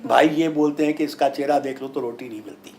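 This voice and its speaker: A man's voice: medium pitch, fairly even intonation, fast, darkish tone, a little hiss or hum. A man speaking as a guru and astrologer, giving an emphatic, didactic discourse with anecdotes, repetition and rhetorical questions. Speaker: guru and astrologer being interviewed. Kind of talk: spiritual discourse with anecdotes and explanations.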